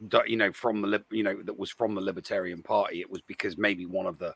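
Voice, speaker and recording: Husky gravelly guy, kinda low, keeps restarting sentences. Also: flat delivery, fairly bright tone. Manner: halting, many restarts. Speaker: podcast guest. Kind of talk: casual chat.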